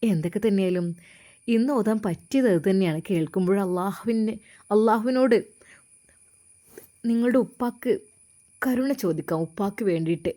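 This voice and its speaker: A devout young woman, voiced by a female storyteller, speaks gently and persuasively, often dropping into a hush. Her pitch sits in an ordinary middle range. She is a figure in a spoken religious story. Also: moderate pace, pauses often, lightly acted. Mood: coaxing.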